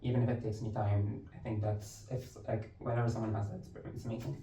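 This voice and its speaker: A man's voice: on the low side, flat delivery, fast talker, warm tone, a little hiss or hum. A young adult man from Lebanon, a university instructor talking as a podcast guest in an easygoing way, leaning on "like" and "it's like". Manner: easygoing, fills speech with "like" and "it's like". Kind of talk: casual interview conversation. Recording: roomy, distant mic.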